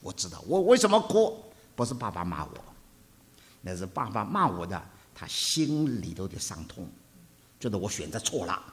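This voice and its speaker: An older male preacher gives a sermon. His pitch leaps and falls widely, and he moves from loud to hushed as he tells stories. The delivery is very lively. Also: normal speed. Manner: animated storytelling with sharp swings between loud and hushed.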